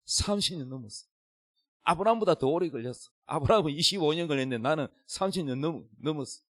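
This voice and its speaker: A man's voice: on the high side, lively intonation, quick pace, dry recording, studio quality. A middle-aged male pastor preaching a sermon, emphatic and repeating his key phrases with big rises and falls.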